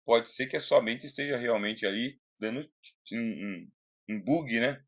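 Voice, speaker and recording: A man's voice: medium pitch, unhurried. A man with a Brazilian accent giving an informal philosophy lecture in a conversational, didactic way, putting questions to the listener, close to the microphone. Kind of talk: informal recorded lecture with read-aloud passages. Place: closed room indoors. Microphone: close Bluetooth microphone. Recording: slightly dull, lo-fi computer audio.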